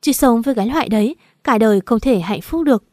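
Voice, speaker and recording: A woman's voice: fairly high pitch, fast talker, darkish tone, no echo, clean studio sound, natural voice. A woman voicing a blunt, protective young female friend who scolds and urges in an audiobook. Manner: frank, scolding, urging. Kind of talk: audiobook character voice.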